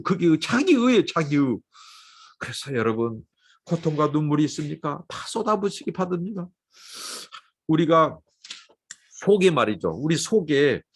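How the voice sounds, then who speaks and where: Impassioned preacher with a husky, lively voice. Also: male voice, fairly high pitch. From Korea. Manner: impassioned, swings between loud urging and soft hushed asides. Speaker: pastor. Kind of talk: sermon. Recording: livestreamed dawn sermon.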